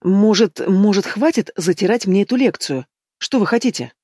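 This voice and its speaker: A man's voice: sits high, expressive, normal speed, dark tone, no room sound, studio quality, pitched above the performer's own voice. A man voicing a tense young housewife who sounds strained and defensive. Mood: exasperated.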